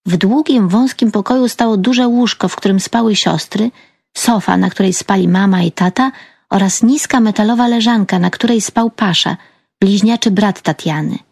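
A woman reading an audiobook aloud in measured scripted narration. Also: mid-range voice, gravelly, a little mellow, no echo, clean studio sound.

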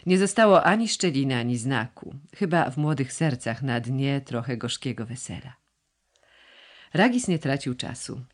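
Man, audiobook narrator, calm, measured, middle pitch.

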